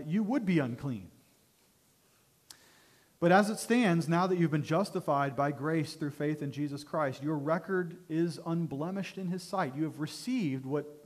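Fervent male pastor preaching, slightly high voice. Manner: emphatic preaching with rising intensity and rhetorical questions; addresses the congregation directly, frequent "okay?". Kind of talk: sermon.

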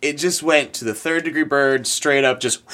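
A man's voice: mid-range voice, moderate pace, bright, forceful tone, slight background noise. A young man, a chef as guest, telling kitchen stories in a rambling, profane way with lots of fillers. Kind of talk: casual storytelling.

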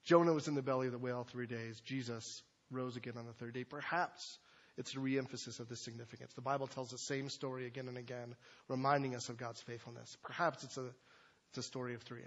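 A man's voice: mid-range voice, steady tone, fast, highs cut off. A man preaching a sermon as pastor, talking in a conversational way with loose asides and fillers. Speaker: pastor teaching a sermon series.

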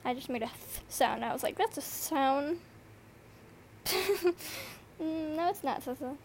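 Tired from too little sleep, a high-voiced teen girl with a slight lisp hosts a casual podcast alone, speaking unhurriedly with lively intonation. She rambles, curses frequently, and leans on fillers, talking into an earbud microphone in a noisy bedroom where a little hiss or hum creeps in.

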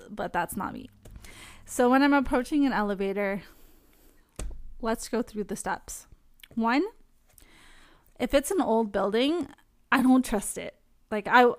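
A woman's voice: fairly high pitch, dry recording, studio quality. A young woman talking casually to camera about her own experience, candid and chatty, often laughing between thoughts. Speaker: vlogger sharing her experience with anxiety. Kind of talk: casual direct-to-camera talk.

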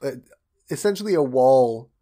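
Casual young male podcast co-host, mid-pitched, retells plot with jumpy high quote voices. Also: animated, normal speed, mellow. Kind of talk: casual chat recapping a cartoon.

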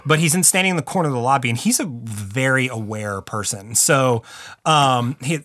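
A man's voice: mid-range voice, expressive, moderate pace, pushed and bright. A man casually telling a long story on a podcast, rambling with lots of filler words and swearing.

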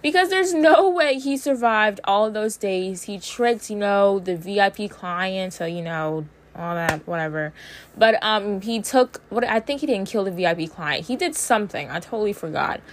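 A woman's voice: medium pitch, moderate pace, a little hiss or hum. Young woman chatting, stumbling over sore braces. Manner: stumbling slightly with a sore jaw from tightened braces. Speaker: host of a show recapping and reviewing TV series. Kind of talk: casual opinionated chat to listeners.

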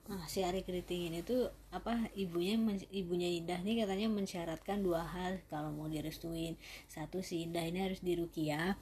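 A woman talks through a relaxed, chatty conversation, her voice sitting a little low. She gets lively when she retells what others said. A faint hiss runs under the recording. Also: moderate pace. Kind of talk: casual conversational chat.

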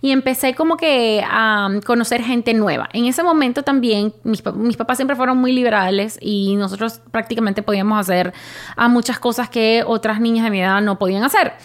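A woman's voice: fairly high pitch, normal speed. A young woman, casually telling her own life story with many fillers and restarts. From Venezuela. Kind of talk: personal storytelling monologue.

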